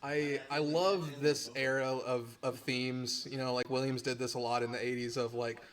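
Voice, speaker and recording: A man's voice: medium pitch, level tone, normal speed, fairly bright tone. A man giving casual, joking live commentary on a pinball game, laughing often. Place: pinball arcade.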